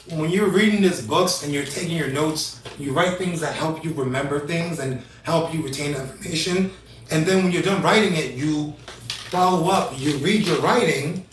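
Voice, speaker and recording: A man's voice: fairly high pitch, slight background noise. Upbeat thirties man, echoey and distant. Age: 30s. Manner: energetic, rambling, self-correcting. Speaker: host. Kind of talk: casual show talk.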